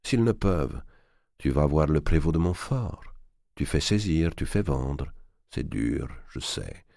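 A man's voice: extremely low pitch, animated, measured pace, creaky, a little mellow, dry recording, clean studio sound, heavily acted. A man doing an old cunning banker. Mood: measured. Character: old cunning male banker, tender with his nephew.

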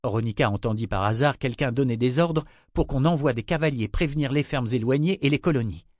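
A man narrates an audiobook in a steady, measured voice of middle pitch. The recording is dry and close, with no room sound around him. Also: no room sound. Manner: even, measured reading. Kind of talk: scripted narration.

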